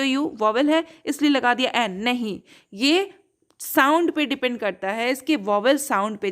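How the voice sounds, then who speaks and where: A woman with an Indian accent teaching English grammar, stressing words and checking in with rhetorical questions. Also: fairly high pitch. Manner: emphatic, repeats key words, asks rhetorical checks. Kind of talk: explanatory lesson.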